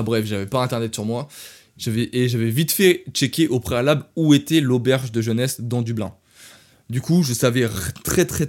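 A young man hosting a podcast, telling a travel story in a casual, animated way and talking straight to listeners. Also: medium pitch. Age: young adult. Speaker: podcast host.

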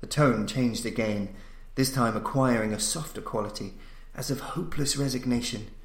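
A man with a mid-pitched voice narrates gothic horror for a podcast at a moderate pace. The delivery is theatrical, solemn and built for suspense, like a dramatic audiobook, and the recording has a roomy echo.

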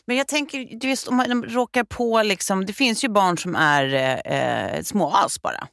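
A woman co-hosting a podcast, joking crudely and talking haltingly with fillers. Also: medium pitch, a bit bright, no echo, clean studio sound. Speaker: podcast co-host. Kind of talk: casual podcast chat.

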